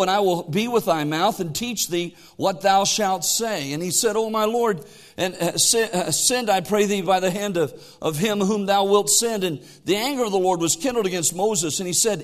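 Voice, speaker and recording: Preaching at a normal speed in a voice that sits high, a middle-aged pastor alternates loud exhortations with quiet asides. When he reads scripture aloud, he raises his voice.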